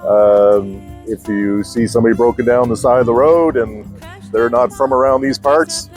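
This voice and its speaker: A man's voice: medium pitch, fairly even intonation, normal speed, darkish tone, soft background music. A man from Halifax talks easily and proudly about local customs of helping strangers. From Halifax, Nova Scotia. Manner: easygoing, proud of home.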